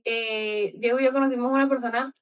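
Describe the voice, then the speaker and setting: A woman's voice: on the high side, fairly even intonation, fairly quick, fairly bright tone, recorded from a distance, rough recording. A woman from the Colombian Caribbean coast with a coastal accent, hosting a book club discussion in a passionate, argumentative way. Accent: Colombian coastal Spanish. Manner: passionate, argumentative, many fillers.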